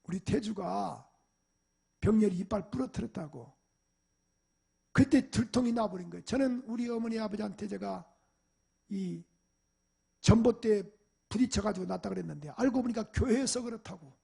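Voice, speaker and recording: A pastor gives a sermon from the pulpit, telling personal stories in an animated way and acting out the people in them. His voice is high, gravelly and very husky. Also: moderate pace, pauses often. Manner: animated storytelling, acting out parents and shouting at a dog. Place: church sanctuary.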